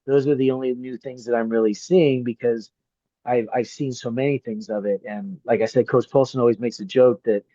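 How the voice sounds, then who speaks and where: A middle-aged man, a grappling referee and coach, chatting as a podcast guest; he tells stories with lively energy, swears freely, and acts out the people he quotes. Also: mid-range voice, a little fast, dry recording. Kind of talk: casual chat. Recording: slightly muffled dry podcast audio.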